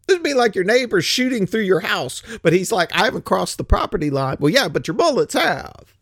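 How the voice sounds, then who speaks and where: A man delivering a wandering, sarcastic monologue on politics, often chuckling at his own asides. His voice is gravelly and fairly high for a man, with pitch swinging widely. The sound is dry and close, with little room echo. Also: big pitch swings, a little fast, fairly bright tone. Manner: sarcastic, chuckling, drifting off topic. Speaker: political commentator. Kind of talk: rambling opinion monologue.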